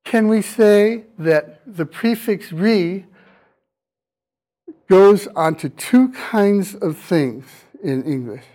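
A man's voice: high voice, lively intonation, drawn-out words, warm tone. A man giving a university lecture, questioning his students and dropping dry wordplay jokes. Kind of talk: classroom lecture.

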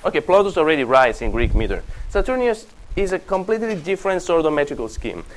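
A man's voice: a little high, very animated, fast, low-quality recording. A man giving a university lecture, thinking aloud and correcting himself as he explains. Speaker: classics lecturer.

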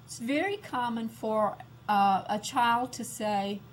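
A woman giving a lecture on classroom discipline, slow and deliberate, repeating her key points. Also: fairly high pitch, slight background noise, poor audio.

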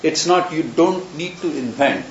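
A man's voice: on the high side, lively intonation, a little slow. A man lecturing to a class, thinking aloud as he moves from one example to the next. The recording is roomy and echoey, a little muffled, with a faint hiss underneath. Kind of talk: university lecture. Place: lecture room.

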